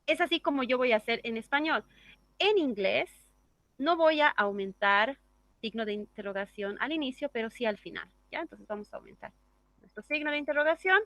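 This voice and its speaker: A woman teaching English grammar in a bright, slightly high voice, walking her students through each step. She keeps checking in with tag questions. The sound is close and dry. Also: animated, a little fast, no echo. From Bolivia. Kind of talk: classroom grammar lesson.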